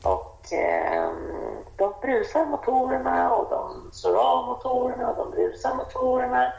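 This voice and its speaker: Gravelly-voiced woman, lively storyteller. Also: high voice. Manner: lively and animated, acts out the voices of people in her story. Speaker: interview guest. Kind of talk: casual storytelling. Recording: dull, roomy radio sound.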